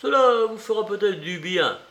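A man's voice: a little high, slow pace, vocal fry, fairly bright tone, reverberant, pitched above the performer's own voice, heavily acted. A man reading aloud voices a fussy, sly middle-aged magistrate who coaxes and frets over his visitor. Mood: fretful. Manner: coaxing, fretful fussing.

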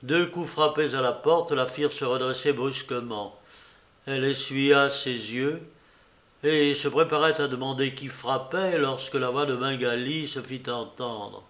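A man reading a novel aloud in a measured, expressive way. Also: mid-range voice. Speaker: audiobook narrator.

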